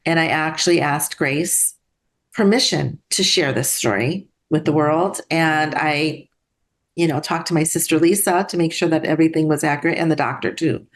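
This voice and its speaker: A middle-aged woman, a guest, telling a personal story in an earnest, halting way with restarts. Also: low-pitched.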